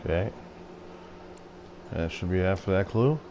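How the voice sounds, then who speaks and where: A man's voice: low voice, animated, a little slow, a little mellow, slight background noise. A man casually commentating his play of a detective game, joking to himself in a dry, mumbling way. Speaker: gamer playing through a detective game.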